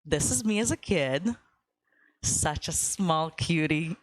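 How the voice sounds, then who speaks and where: A woman's voice: deep voice, lively intonation, slow, no room sound. A young woman from Ukraine, giving a casual guest talk to a church class with lots of fillers and upbeat asides. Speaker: guest speaker.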